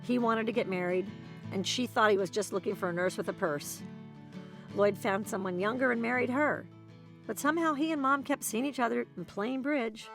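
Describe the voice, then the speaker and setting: A woman's voice: a little high, normal speed, vocal fry, music in the background. A woman narrating her own documentary in a wry, dry storytelling manner.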